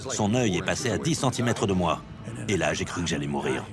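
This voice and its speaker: A man's voice: low voice, animated, a little fast, loud music behind the voice. A man telling a first-person story as a documentary interviewee. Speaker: interviewee, shark attack survivor.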